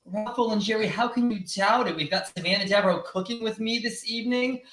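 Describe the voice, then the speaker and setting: A man's voice: sits high, fast, fairly bright tone. A man co-hosting a live drag show, chatting casually in a theatrical, campy, mock-offended way. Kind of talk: casual bantering live chat. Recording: echoey room, distant mic, crowd chatter.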